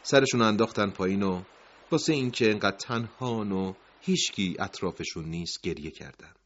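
A man narrating a dramatic story in a grave, emotive voice, in a dull lo-fi recording. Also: fairly low pitch.

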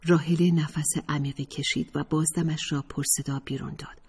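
A woman narrating an audiobook in a measured, steady reading voice. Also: low voice, slightly rough. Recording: reverberant room.

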